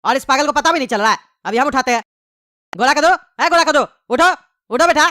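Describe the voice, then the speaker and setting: An exasperated cartoon father, played by a woman who keeps telling his sons to be quiet. He talks quickly and sounds high and bright. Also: animated, dry recording, studio quality. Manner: scolding, impatient.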